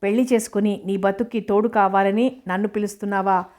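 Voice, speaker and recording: A woman's voice: mid-range voice, steady tone, a little fast, natural voice. A woman reading as a fierce young schoolteacher. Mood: furious. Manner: sharp scolding retorts. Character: angry young woman teacher, fierce and proud.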